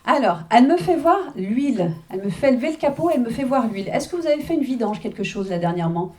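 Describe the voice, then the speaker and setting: Warm in tone and fairly high, her voice is expressive and fast as she leads a live reading as a medium. She chats with the audience, laughs frequently, and keeps checking in with "hein" and "d'accord."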